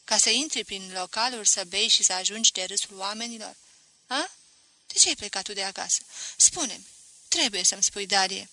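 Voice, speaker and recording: A sad, firm young woman, as a female reader puts her on presses her words with urgent pleading. The voice is very bright and sharp, recorded dry and close. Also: medium pitch, dry recording. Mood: earnest.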